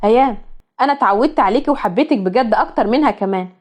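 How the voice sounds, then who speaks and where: A fed-up young man, voiced by an Egyptian woman sounds defensive and dismissive. The voice is high-pitched and hurried, in a storybook drama. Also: animated. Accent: Egyptian Arabic.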